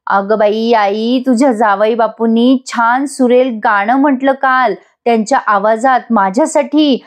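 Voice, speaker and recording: A woman's voice: fairly high pitch, unhurried, close to an everyday voice. A woman voicing a teasing young wife who bickers with her husband and mother. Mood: bickering. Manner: bickering, sarcastic retorts.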